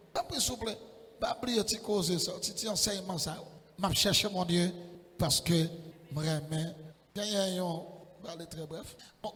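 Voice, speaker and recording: A man preaching a sermon in church, impassioned and often breaking into shouted, sing-song calls. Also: high-pitched, big-room sound.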